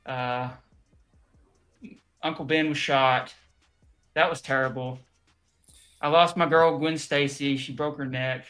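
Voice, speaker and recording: A man's voice: medium pitch, steady tone, takes it slowly, pauses often, fairly bright tone, soft background music. A man playing a jokey, weary young male superhero in character, out of breath and rambling over a video call. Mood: joking.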